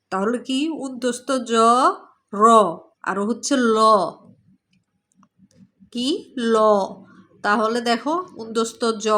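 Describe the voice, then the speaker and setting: Woman, Bangladeshi Bengali accent, children's pronunciation lesson, bright tone, repeats each sound. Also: sits high. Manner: slow, drawn-out, repeats each letter for pupils to echo. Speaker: teacher.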